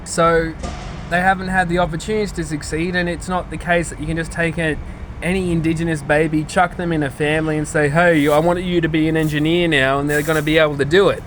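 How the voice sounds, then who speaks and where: A man's voice: a little high, little pitch movement, fast talker, a bit bright. An Australian man giving a casual, blunt and sweary monologue as a vlogger, rambling as if drunk. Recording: noisy outdoor recording with traffic.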